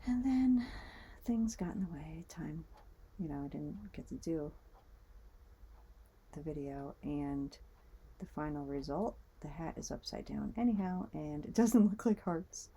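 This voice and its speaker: A woman with a low, gravelly voice talks casually as she knits. Her tone is dark and mellow, and she mutters little asides to herself between stitches. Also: a little slow. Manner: chatty, mutters asides to herself while working. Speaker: knitting vlogger. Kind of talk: casual chat while knitting.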